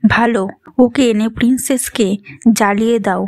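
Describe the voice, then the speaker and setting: A woman voicing a furious, possessive young king who shouts orders and turns cold and harsh. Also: on the high side, fairly even intonation, moderate pace, no echo, clean studio sound, close to an everyday voice. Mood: angry.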